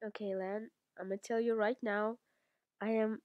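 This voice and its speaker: A woman with a slight cold chats loosely between takes, laughing and cursing as she goes. Her voice sits at a middling pitch. The recording is dry and close, with no room sound. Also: flat delivery, moderate pace, no room sound, phone-quality sound. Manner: chatty, laughing, swears freely. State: sick, slightly congested. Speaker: voice actor recording lines. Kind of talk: casual blooper commentary.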